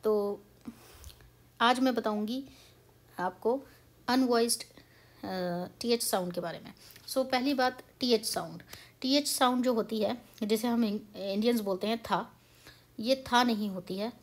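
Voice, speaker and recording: A young Indian woman with an Indian English accent and a slightly high voice teaches pronunciation in a casual, chatty way. She mixes Hindi and English and explains each step patiently. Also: unhurried. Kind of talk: casual spoken lesson.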